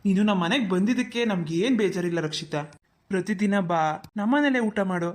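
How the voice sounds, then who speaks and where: A woman's voice: mid-range voice, lively intonation, fairly quick, a little mellow, natural voice. Worried middle-aged cartoon uncle, voiced by a woman, kind and fussing. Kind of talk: cartoon voice acting.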